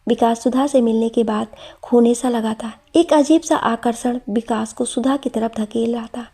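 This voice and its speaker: A woman narrating an emotional story in a steady storytelling voice. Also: a little high, normal speed, slightly rough.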